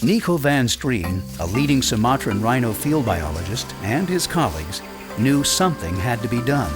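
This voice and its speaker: A man narrates a nature documentary with measured drama. His pitch moves in a lively way as he tells the story, and loud music plays under his voice.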